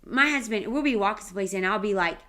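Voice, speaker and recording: With a medium-pitched voice and a quick pace, this woman, a pastor, talks emphatically in a relaxed devotional setting. Her delivery is lively and forceful, full of affirming interjections.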